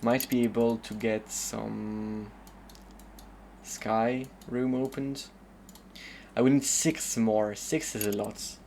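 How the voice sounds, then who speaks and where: This streamer, a Frenchman from Paris's southern suburbs, talks slowly and casually over his gameplay, musing out loud and filling pauses with hesitant sounds. His pitch sits on the low side, barely rising or falling, and carries a slightly mellow quality. Faint background noise is audible.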